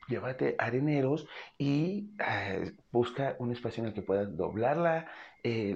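Gravelly man giving pet advice. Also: mid-range voice, a little mellow. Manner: friendly, practical, addresses the listener directly. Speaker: cat care podcast host. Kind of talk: casual instructional talk.

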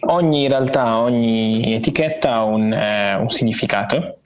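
A man co-hosting a casual chat over a remote call, talking with many pauses and fillers as he describes things. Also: mid-range voice, muffled recording. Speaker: podcast co-host reviewing beer.

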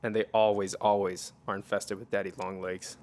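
A man's voice: lowish voice, flat delivery, moderate pace, a little mellow. Laughing, swearing podcast guy. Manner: laughs often, swears, rambling stories. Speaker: podcast co-host. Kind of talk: casual chat.

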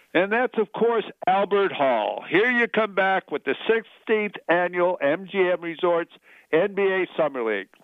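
A man's voice: on the high side, clear, resonant tone, no echo. Male sports talk host, promotional and emphatic, resonant voice, dry and slightly muffled broadcast sound. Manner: effusive, promotional, repeats phrases for emphasis. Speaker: sports radio show host. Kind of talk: sports talk radio hosting and interviewing. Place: radio show broadcast.

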